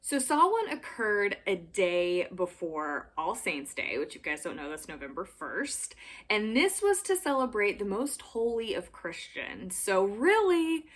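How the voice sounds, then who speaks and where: A woman's voice: mid-range voice, very animated, a little slow. Young female vlogger, casual and giggly, talking straight to camera from home. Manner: chatty, giggly, lots of filler words. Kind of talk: casual explainer vlog. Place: home room with backdrop.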